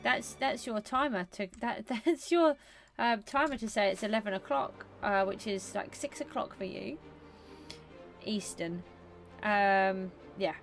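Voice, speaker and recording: An unhurried, gravelly woman's voice in the mid range, with soft music in the background. She's a British livestreamer from England playing a building game, keeping the chat casual and dotting her thinking-aloud with ums.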